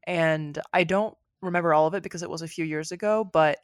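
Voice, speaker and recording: A woman co-hosting a chat podcast, asking measured, thoughtful questions. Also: low-pitched. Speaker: podcast co-host. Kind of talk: casual chat.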